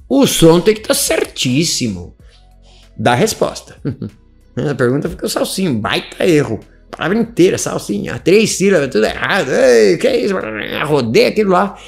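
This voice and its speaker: A man's voice: medium pitch, gravelly, a little mellow. A man teaching an online language lesson in a chatty, casual way, laughing often and switching between two languages. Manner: chatty, laughs often, mixes in English phrases. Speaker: English teacher.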